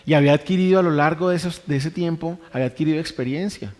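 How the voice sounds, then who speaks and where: A man's voice: on the high side, fast talker, a little mellow, long reverb tail, faint music behind. A man preaching a sermon in an earnest way, repeating phrases for emphasis and correcting himself mid-sentence. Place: church hall.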